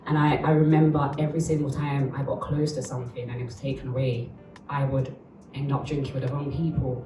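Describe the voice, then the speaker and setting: A woman's voice: extremely low pitch, reverberant, far from the mic, noisy background. A woman from Uganda, giving a candid, reflective documentary interview.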